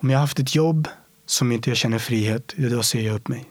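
Earnest man, soft whispered asides. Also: mid-range voice, dry recording. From Sweden. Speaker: interview guest. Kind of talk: reflective personal interview.

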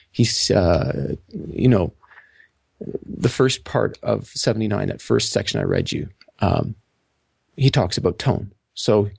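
A man co-hosting a podcast, talking through a book in halting, self-correcting speech and reading passages aloud. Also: mid-range voice, gravelly, no room sound, studio quality. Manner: halting, repeats words, reads passages aloud. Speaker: podcast co-host. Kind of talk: casual book discussion.

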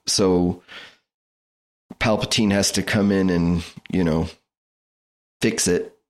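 A man's voice: deep voice, fairly even intonation, slow, darkish tone. A man co-hosting a podcast in casual chat, building his point step by step. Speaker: podcast co-host.

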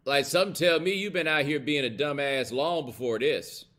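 An American man hosts a live commentary show, a casual, opinionated livestream where he speaks bluntly and colloquially, with emphasis, and checks in with his listeners. His voice is fairly high and fairly bright, at a moderate pace.

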